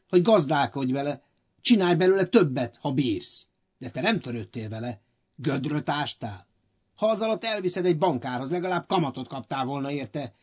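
A stern rich master with a short temper, as a man reads him out in a storybook recording. His voice climbs high and grows loud and sharp when he barks orders. The tone is husky and breathy, and it swings widely in pitch. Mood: furious. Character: stern wealthy master, middle-aged man, quick to anger. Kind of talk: storybook audio reading.

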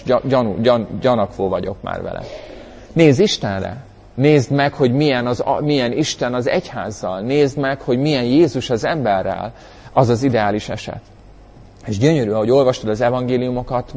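A man's voice: medium pitch, a little mellow, long reverb tail. A man teaching from the Bible in a conversational way, reflective, often searching for words, with bursts of dramatic emphasis. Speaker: preacher.

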